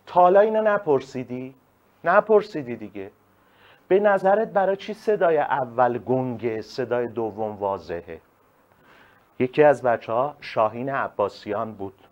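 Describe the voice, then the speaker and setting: A male teacher giving a live online class, animated and emphatic, calling on students by name. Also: mid-range voice, dull audio.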